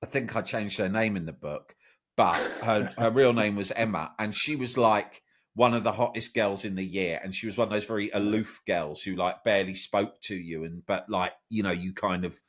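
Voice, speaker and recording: A man, a podcast guest, telling a lively personal story in a casual, animated way. He swears freely and often tags his sentences with "right?". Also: fairly low pitch, normal speed. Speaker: podcast guest, journalist and broadcaster.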